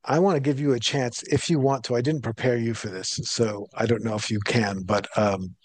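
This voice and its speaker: A male interview host speaks in a relaxed, encouraging manner, his voice at a middle pitch. The sound is dry and close, with no room echo. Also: moderate pace.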